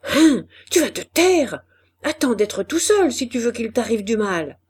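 A woman's voice: fairly high pitch, big pitch swings, unhurried, darkish tone, breathy edge, voice pushed up, exaggerated voice. A woman voicing a cautious older miner, stern. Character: placid, cautious older male miner foreman.

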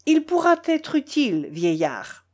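A woman's voice: fairly high pitch, sing-song, unhurried, darkish tone. A woman reading the part of a proud, self-pitying male hanger-on in a storybook, with melodramatic outbursts and wounded dignity. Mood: indignant.

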